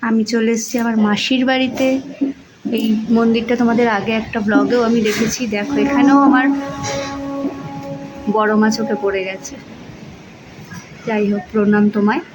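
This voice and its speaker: A woman hosting her own daily vlog, talking casually and keeping her voice low and hushed at times. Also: fairly even intonation, normal speed, pauses often, over music, rough recording. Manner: soft-spoken, hushed at times. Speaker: vlogger.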